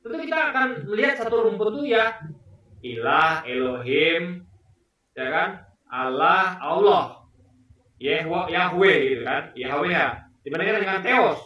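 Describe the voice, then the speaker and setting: A man's voice: high voice, lively intonation, a little slow, long pauses, pushed and bright, very echoey, far from the mic. A man talking casually as a video commentator, rambling and repeating words while he searches for examples. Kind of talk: casual commentary on a debate clip.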